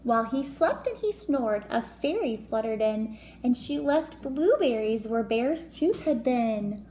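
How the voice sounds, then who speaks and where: Reading a storybook to young children, a woman with a voice on the high side goes a little slowly, expressive and child-directed, adding chatty asides and questions like a teacher. The room echoes, and there's faint noise.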